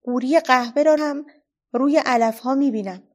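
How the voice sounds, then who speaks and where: A woman voicing a bold, cheeky young girl in a storybook reading, lively and bossy. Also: sits high, pitched above the performer's own voice. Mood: playful.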